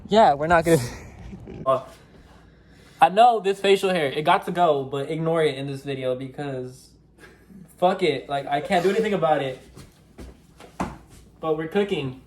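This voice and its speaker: A young man vlogging in his kitchen, talking casually into a camera mic in a flat, monotone way and swearing freely. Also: a little high, normal speed, long pauses, a little hiss or hum. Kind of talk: casual chat. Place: home kitchen, indoors.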